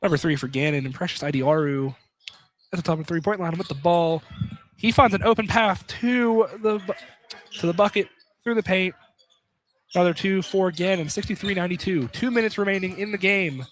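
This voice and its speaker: With a high-sitting voice and a fairly quick pace, a man does live radio play-by-play of college basketball, chatting and repeating phrases as he goes. Clicks and noise fill the broadcast.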